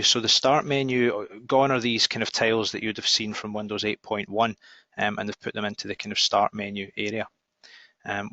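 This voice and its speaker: A Scottish man with a broad Glasgow accent presents an informal screen demo in a flat, forceful voice. His delivery is hesitant and peppered with ums. The recording is dull and a little lo-fi. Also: on the low side, no room sound. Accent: Glaswegian Scottish.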